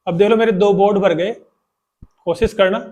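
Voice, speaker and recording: A man with a fairly high voice teaches a math lesson at the board. He walks through each step patiently and repeats it. He keeps asking his students questions as he goes. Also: steady tone, moderate pace, darkish tone. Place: classroom with boards.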